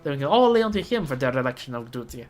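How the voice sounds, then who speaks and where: A grumbling, weary soldier writing a diary in a game, acted out by a player. The Russian accent is theatrical, with rolled R's. Music plays clearly behind the voice. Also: medium pitch, big pitch swings, rapid-fire, pitched below the performer's own voice, natural voice. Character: weary, grumbling military camp diarist reading aloud. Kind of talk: theatrical diary read-aloud.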